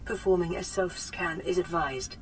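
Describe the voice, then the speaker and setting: A woman voicing a calm female care-assistant computer in a game, with gentle, even, robotic announcements through light synthetic processing. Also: on the low side, normal speed. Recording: distant game audio under music.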